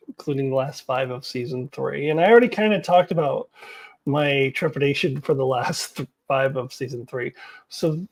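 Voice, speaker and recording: A woman with a deep, slightly mellow voice hosts a vlog, offering casual and opinionated commentary. Her manner is wry and blunt, exasperated yet giggly.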